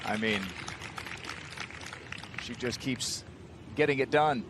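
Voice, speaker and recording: A man's voice: medium pitch, slow pace. A man giving live golf commentary as the lead announcer on a broadcast. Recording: noisy outdoor broadcast sound.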